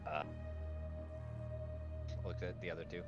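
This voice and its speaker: A man playing a character in a tabletop game, animated and laughing often. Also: unhurried, lo-fi sound, over loud music. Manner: animated, swinging pitch, laughing. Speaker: player. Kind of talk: tabletop role-play chat.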